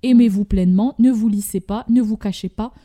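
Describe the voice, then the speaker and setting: Young Moroccan woman hosting, mellow voice. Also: medium pitch, a little fast, breathy edge. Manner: animated storytelling, mixing in Darija and English words. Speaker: podcast host. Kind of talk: casual chat.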